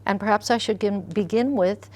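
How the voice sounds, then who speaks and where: Woman hosting a conversation, mid pitch. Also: fairly even intonation, normal speed. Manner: gentle, encouraging questions. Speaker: host. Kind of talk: conversational interview.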